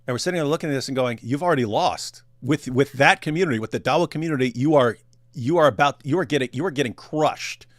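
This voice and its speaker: A man's voice: mid-range voice, quick pace, no echo. Dry-sounding man reacting to clips. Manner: rambling, with restarts and laughs, talks over clips. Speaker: commentary show host. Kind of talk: casual reaction commentary.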